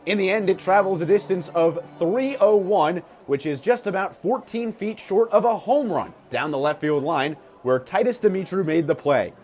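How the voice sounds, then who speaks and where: A high-pitched, darkish-toned American man calls live baseball on the radio at a moderate pace with few pauses. He pairs punchy, clipped calls with stat-filled asides while ballpark noise comes through clearly behind him.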